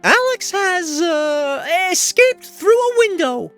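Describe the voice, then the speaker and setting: A man putting on a melodramatic falsetto young woman, a damsel in distress in a video game. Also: sing-song, takes it slowly, fairly bright tone, soft background music, exaggerated voice. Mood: evasive.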